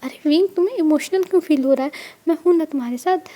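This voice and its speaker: A woman's voice: high-pitched, fast, dark tone, close to an everyday voice. A woman voicing a devoted, reassuring young husband in a storybook reading, in her own plain voice.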